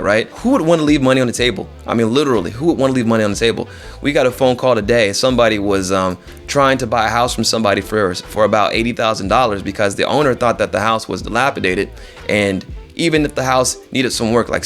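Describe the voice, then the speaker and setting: This man's voice is fairly low in pitch with a fairly bright tone. Working as a real estate agent, he addresses his audience directly in an informal, conversational style, repeating phrases for emphasis.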